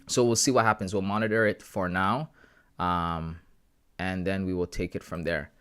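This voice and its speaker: This livestreaming forex trader, a man in his 30s, talks casually with his live-stream viewers, full of slang and frequent laughter. His low voice is steady, clear, resonant, and fairly bright, at a normal speed.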